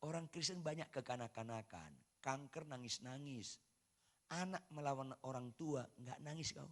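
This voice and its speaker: A middle-aged man preaching a sermon as a pastor, dropping to hushed asides and then shouting for emphasis. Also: medium pitch, normal speed.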